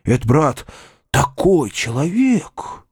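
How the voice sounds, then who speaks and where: A man's voice: fairly high pitch, very animated, slow, darkish tone, husky, dry recording, clean studio sound, voice pushed up, full character voice. A man voicing a timid, kindly older landowner who talks in fussy, pleading bursts. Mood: flustered. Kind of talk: audiobook character voice.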